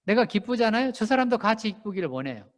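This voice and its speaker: A man preaching a sermon to a congregation, animated, asking them questions and acting out shouted lines. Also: high-pitched, fast. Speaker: pastor. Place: church sanctuary. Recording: long hall reverb.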